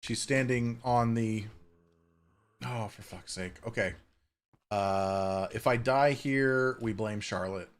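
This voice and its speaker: A man's voice: mid-range voice, takes it slowly, clear, resonant tone. A man giving casual, chatty gameplay commentary at home, swearing offhandedly and cooing at his cat. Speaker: Minecraft streamer.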